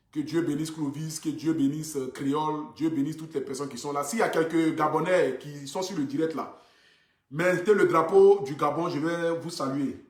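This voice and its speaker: A medium-pitched male voice, reverberant in the room, belongs to a social media influencer seated indoors and chatting casually with viewers on a phone livestream. His manner is earnest and repetitive, thick with fillers like "voilà" and "donc du coup".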